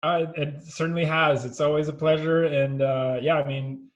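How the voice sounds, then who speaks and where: Man, 30s, from Venezuela, interview guest, measured explanations, slightly dull video-call sound. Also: fairly high pitch, steady tone. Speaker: guest, company founder. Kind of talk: casual interview.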